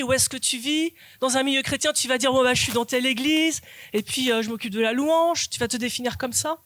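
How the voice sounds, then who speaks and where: Woman, pastor, high voice, earnest sermon, repeats key lines, dry close mic. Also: no echo. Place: church.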